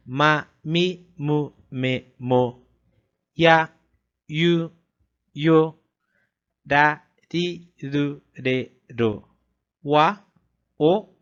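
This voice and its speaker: A man's voice: fairly high pitch, a bit bright. A man teaching a beginner language lesson over slides, often adding "né?" and sounding out syllables one by one. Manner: fills pauses with "né?", spells out syllables slowly. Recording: dull lo-fi audio.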